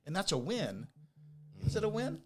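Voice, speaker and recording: A man's voice: high-pitched, wildly swooping pitch, normal speed, darkish tone. Man, fifties or older, American accent, whistling s, conversational storytelling, emphatic rhetorical questions. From Oregon, United States. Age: 50s or older. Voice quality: whistling s from new teeth. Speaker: podcast guest, business owner.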